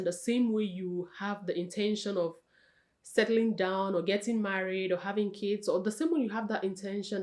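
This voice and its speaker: A young woman vlogger giving casual, chatty advice straight to her viewers, expressive and correcting herself often. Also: mid-range voice. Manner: chatty, talks straight to viewers as "you guys" and "sis"; expressive, with frequent self-corrections.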